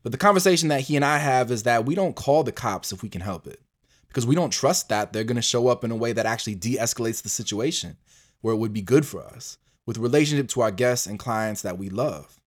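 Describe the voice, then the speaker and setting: A man's voice: mid-range voice, lively intonation, fairly quick. A man who manages a service organization, speaking frankly and directly in an interview.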